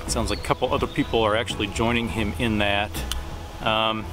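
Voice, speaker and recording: Halting man chatting outdoors, music behind. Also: on the low side, steady tone. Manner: halting, trailing off, thinking aloud. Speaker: pipe-smoking vlogger. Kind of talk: casual rambling chat to camera. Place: outdoors in the woods by a creek. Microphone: camera at about arm's length.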